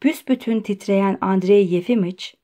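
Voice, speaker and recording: A woman narrating a classic novel in a calm, measured storytelling voice. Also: medium pitch. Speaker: audiobook narrator. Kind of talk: scripted narration.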